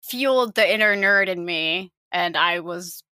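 A bright-voiced woman in her late twenties, born in Finland, whose international-school accent sounds nearly American. She talks as an interview guest in a chatty, self-deprecating way. Her voice is close and dry, with no room behind it. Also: lowish voice, unhurried, no room sound. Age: 20s. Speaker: podcast co-host, guest. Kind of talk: casual interview chat.

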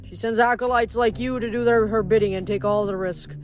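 A woman's voice: a little high, steady tone, a little fast, faint music behind, pitched above the performer's own voice, natural voice. Taunting giant guy from a storybook, a lady reading puts him on, theatrical and scornful. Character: menacing male giant, scornful and boastful.

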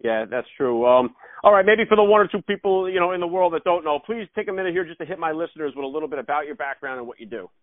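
Fast-talking male interviewer on a tinny line. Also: fairly high pitch, expressive, no room sound. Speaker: podcast host, interviewer. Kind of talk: casual interview.

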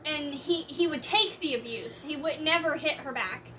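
A woman with a high, bright voice talks slowly and deliberately in a relaxed chat, explaining her views at length. She sits a little away from the mic, with a faint hiss in the background. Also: recorded from a distance. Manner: slow, measured, explains at length. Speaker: co-host discussing a court case. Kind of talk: casual chat.

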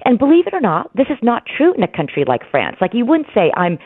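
電話越しの、抑揚豊かな女性ゲスト. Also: female voice, a little high, quick pace, husky, dry recording. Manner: animated, explanatory, laughs easily. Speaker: guest author and law professor. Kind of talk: radio interview. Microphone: phone line. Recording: tinny phone line, dry.

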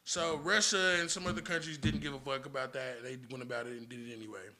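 A man's voice: medium pitch, fairly even intonation, fast talker, sharp tone. A man on a casual podcast, telling a long story in a rambling, profane way and laughing often. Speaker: podcast guest.

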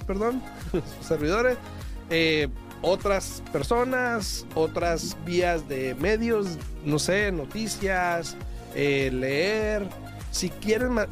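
Male radio co-host, high-pitched, informal commentary over clear background music. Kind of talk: casual on-air talk and commentary.

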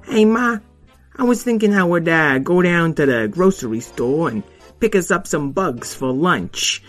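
A man putting on a high cheeky weasel hustler. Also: animated, a bit bright, soft background music. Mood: wheedling. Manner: fast-talking, fumbling hustler with fillers. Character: scrappy young male weasel, cheeky schemer.

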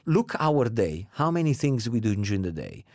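A middle-aged man with an Italian accent chatting casually, animated and laughing often. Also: on the low side, moderate pace, no room sound, clean studio sound. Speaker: guest. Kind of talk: casual chat.

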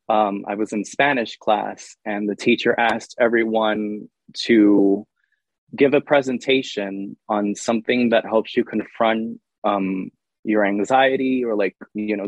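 Young male singer-songwriter, low voice, dry close sound, candid interview guest. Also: no echo, rough recording. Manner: earnest, open, with many ums and you-knows. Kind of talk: reflective interview answers.

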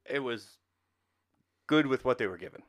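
A male podcast co-host talks casually about films and games with lively intonation. His voice is medium-pitched and he speaks at normal speed.

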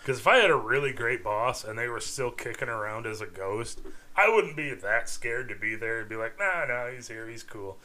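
Bright-voiced man, animated and profane podcaster. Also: mid-range voice, normal speed. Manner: animated, profane, acts out imagined quotes. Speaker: podcast co-host. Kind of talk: casual chat.

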